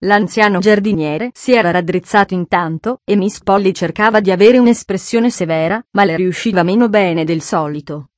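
Woman, storybook narration, calm, even, dry close sound. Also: medium pitch, moderate pace, hardly any pauses, dry recording. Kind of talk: audiobook narration.

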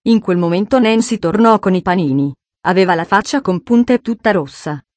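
A woman narrating a children's story in a calm, even storytelling manner. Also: mid-range voice, brisk, no echo. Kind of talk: audiobook narration.

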